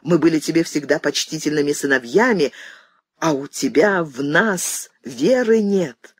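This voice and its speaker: A woman reader lowers her voice for a weary, anguished grown son in an audiobook, pleading and bitterly accusing. The voice is husky with lively pitch. It sounds close and dry. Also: measured pace, dry recording, full character voice. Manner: pleading, restrained, then bitter.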